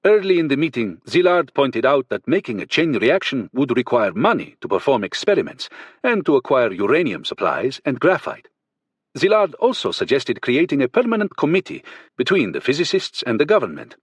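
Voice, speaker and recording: Husky male audiobook reader, lively delivery. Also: medium pitch, brisk, no room sound. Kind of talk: audiobook narration of first-person testimony.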